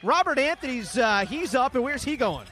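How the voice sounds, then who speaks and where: A man's voice: very high-pitched, very animated, normal speed, pushed and bright. A man commentating an outdoor wrestling show, reacting with alarm and disbelief. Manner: incredulous, reacting with alarm to the action. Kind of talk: play-by-play commentary.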